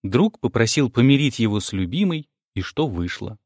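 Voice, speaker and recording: A man's voice: medium pitch, big pitch swings, moderate pace, darkish tone, no echo, studio quality. Wry male audiobook narrator. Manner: wry, ironic. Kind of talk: first-person novel narration.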